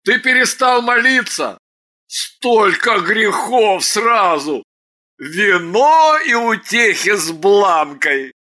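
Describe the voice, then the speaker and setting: Woman voicing a jeering, shouting crowd. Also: medium pitch, very animated, slow pace, exaggerated voice. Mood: mocking. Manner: mocking, shouting. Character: jeering crowd of rowdy townsfolk.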